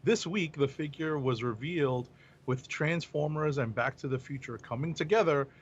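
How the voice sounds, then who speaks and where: A man's voice: fairly high pitch, moderate pace, slightly rough. A man co-hosting a podcast who reads out news with lots of fillers and hesitations. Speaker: podcast co-host. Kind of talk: casual news chat. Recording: slightly dull, lo-fi sound.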